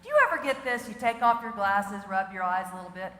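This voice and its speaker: A middle-aged woman giving a comic keynote talk, chatty and animated, asking the audience questions and laughing at her own jokes. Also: medium pitch, fast. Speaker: keynote speaker. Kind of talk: stand-up style comic keynote. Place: large conference hall. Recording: echoey hall with faint noise.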